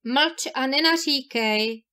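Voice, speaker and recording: A woman voicing a kind old hermit man who speaks calmly, gravely and slowly. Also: high voice. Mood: soothing. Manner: calm, grave and measured.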